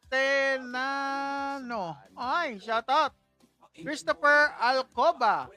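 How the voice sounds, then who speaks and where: A woman's voice: high voice, pushed and bright. A Filipino woman hosting a live stream, chatty and exclaiming as she greets viewers and laughs at her own slips. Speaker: livestream host. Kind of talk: casual live stream shoutouts.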